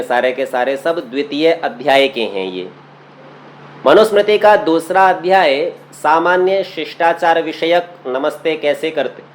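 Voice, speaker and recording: A man's voice: a little high, slight background noise. A man teaching a scripture study class, explaining verse by verse and often asking rhetorical questions. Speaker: religious teacher. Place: courtyard of a memorial hall.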